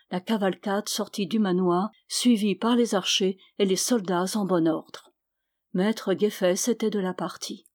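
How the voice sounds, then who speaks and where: A woman narrating an audiobook in a measured, expressive way. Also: mid-range voice. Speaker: audiobook reader.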